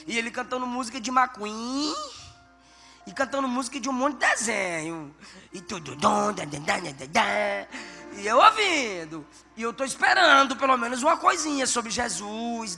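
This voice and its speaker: High-voiced pastor preaching. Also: male voice. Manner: animated storytelling, bursts of shouted emphasis. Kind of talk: sermon. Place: church. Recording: church hall reverb, faint background music.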